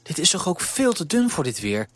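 A man voicing a kind, motherly baker's wife in a storybook reading, gently scolding and warm-hearted. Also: on the high side, expressive, moderate pace, voice pushed up.

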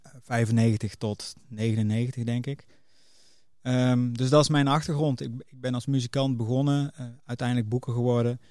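A man's voice: mid-range voice, fairly even intonation, fairly quick, dark tone, no room sound, clean studio sound. A middle-aged man chatting casually as a podcast guest, telling anecdotes about his working life. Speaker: podcast guest, music booker.

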